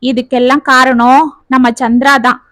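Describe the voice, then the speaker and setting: Brief: earnest middle-aged mother-in-law, thankful, high voice, a woman storyteller. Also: little pitch movement, moderate pace, a bit bright, dry recording, studio quality. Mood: grateful.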